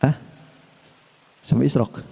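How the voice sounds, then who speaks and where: A man with an Indonesian accent preaching a dawn sermon in a mosque, telling a story with lively swings between low asides and raised exclamations. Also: slow pace. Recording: long hall reverb.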